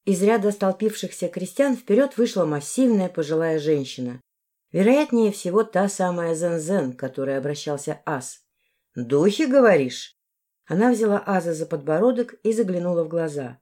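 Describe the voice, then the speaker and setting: A woman narrating a fantasy novel in the first person with expressive phrasing. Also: fairly low pitch, normal speed. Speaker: audiobook narrator.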